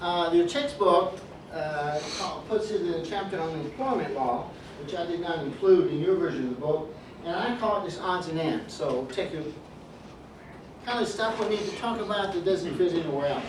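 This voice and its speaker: A man's voice: fairly high pitch, moderate pace, background noise. A man teaches a business law class, moving through his points and tossing dry jokes at students he calls by name. He sounds distant from the mic, and the classroom echoes strongly around him. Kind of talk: classroom lecture.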